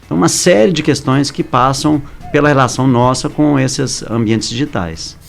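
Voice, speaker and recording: Gravelly Brazilian professor explaining steadily. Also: male voice, medium pitch, soft background music. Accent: Brazilian Portuguese. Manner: measured, explaining, with hesitations and restarts. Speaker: professor, interview guest. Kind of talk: explanatory interview answers. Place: radio studio. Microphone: studio microphone.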